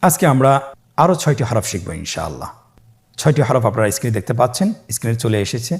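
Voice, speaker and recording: Male Quran reading teacher, mid-pitched, calm and patient, long drawn-out letter sounds, repeat-after-me delivery. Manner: calm, patient, with frequent pious interjections. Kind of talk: step-by-step recorded lesson.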